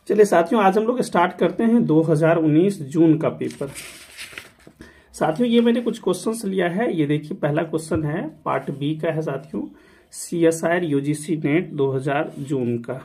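A man's voice: on the high side, a little mellow. Indian man teaching maths, step by step. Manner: explains step by step, repeating key points and checking understanding; mixes English terms into his explanations. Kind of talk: exam-prep lecture.

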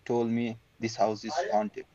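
A young man talking on a webcam video call, loud and jokey and saying bro a lot. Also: fairly low pitch, completely flat delivery, unhurried, highs cut off, a crowd in the background. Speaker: stranger on video chat. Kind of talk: casual video chat.

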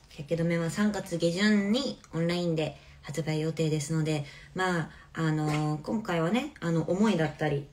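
Woman, relaxed live-stream chat, answers viewer comments, phone mic, at home. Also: sits low. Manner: chatty and relaxed, often laughing softly. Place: her home.

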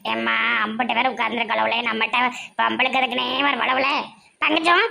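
A woman with a Tirunelveli Tamil accent, playing a loud quarrelsome villager in a comedy sketch. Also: fairly high pitch, steady tone, a little fast, gravelly.

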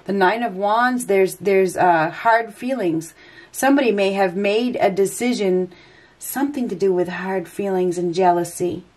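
Her voice is mid-range and darkish, and her pace is measured. Suffering from a head cold and a stuffy nose, this tarot reader sits at an indoor table giving an unscripted reading, rambling and hesitating as she thinks aloud while turning the cards.

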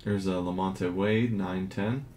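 Male collector, low-key and unhurried, casual unboxing talk over a noisy background. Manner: slow, low-key commentary, grades read in a flat list. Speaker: card collector. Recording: audible background noise.

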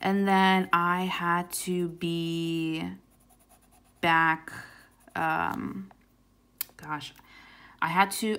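A woman's voice: low voice, a bit bright. A young woman in her twenties, telling a trip story in a chatty, casual way full of "like" and "um", coloring as she talks. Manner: chatty, lots of "like" and "um". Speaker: coloring channel host. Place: indoors at home, coloring while talking.

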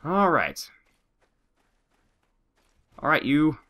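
Very slow and on the high side, this man joked his way through gameplay as a let's play host, chatting animatedly to his troops and viewers. He's a little under the weather, with a slightly nasal sound and a sore throat.

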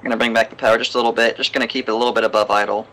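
Quick-talking young man on noisy voice chat. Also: mid-range voice, level tone. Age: young adult. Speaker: flight leader in a flight simulator. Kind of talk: radio calls and casual chat. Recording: clearly noisy headset voice chat.

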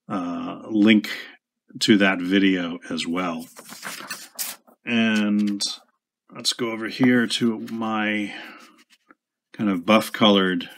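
A man casually demonstrating a writing instrument at his desk, chatty and unhurried, with small asides and self-corrections. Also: fairly low pitch, fairly bright tone. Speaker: pen shop owner demonstrating a product.

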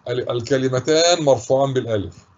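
A man teaching a grammar lesson to schoolchildren with an Egyptian accent, patiently reading example sentences slowly and repeating them. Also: medium pitch, a little mellow. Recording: husky voice, dull lo-fi recording.

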